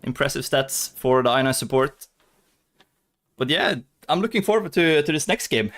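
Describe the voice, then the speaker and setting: Excitable high-voiced male play-by-play caster. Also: moderate pace. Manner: excitable play-by-play, rising pitch on big plays. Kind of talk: live esports commentary. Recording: game music clearly behind the voice.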